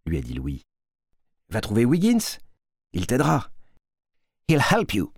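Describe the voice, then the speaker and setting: A man narrating a storybook in an expressive, varied way with a husky voice. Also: mid-range voice, no room sound, studio quality.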